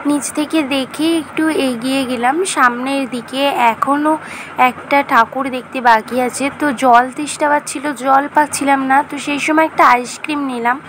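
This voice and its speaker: A woman narrating a casual vlog, chatty and enthusiastic as she talks straight to her viewers, her voice hoarse after a fever. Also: high-pitched, fairly even intonation, normal speed, background noise. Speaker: vlogger.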